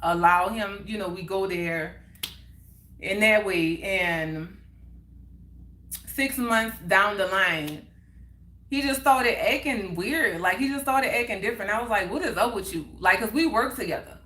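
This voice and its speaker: A woman hosting a casual chat, telling a personal story in an animated way, repeating phrases for emphasis and acting out what others said. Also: mid-range voice, a little slow, reverberant. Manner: animated, acts out others' words in quotes. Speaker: livestream host.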